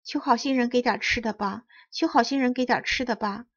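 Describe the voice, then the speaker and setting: A woman's voice: a little high, brisk, a bit bright, no room sound, lo-fi sound. A woman voicing a hungry, pitiful wooden puppet boy who pleads and whimpers, in a storybook reading. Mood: pleading.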